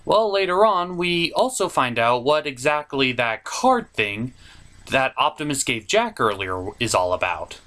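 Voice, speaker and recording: A man with a mid-range voice hosts a puppet review show. He gives lively recap commentary in a theatrical, emphatic showman style, stretching out his words.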